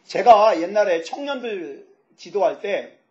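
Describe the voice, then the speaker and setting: A pastor in his fifties preaching a sermon, lively and joking, asking the audience questions. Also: sits high, measured pace. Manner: lively, asks the audience questions, jokes about himself. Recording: dull lo-fi sound.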